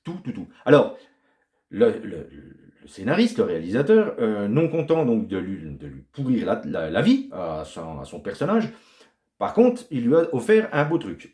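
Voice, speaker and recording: A man talks through a film review in a loose, rambling way, his pitch leaping up and sinking low as he piles on repeated words. The sound is roomy, with a clear echo around his voice. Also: sing-song, normal speed, warm tone. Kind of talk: casual spoken film review.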